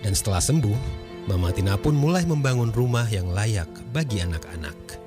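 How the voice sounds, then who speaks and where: A man's voice: lowish voice, expressive, moderate pace. A man reading a formal, scripted radio news narration. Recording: music behind the voice. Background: music.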